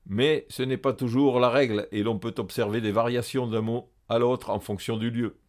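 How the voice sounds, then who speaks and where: A man's voice: medium pitch, fairly even intonation, normal speed. A man reading a pronunciation lesson, spelling out letters and saying example words one by one. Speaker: language teacher.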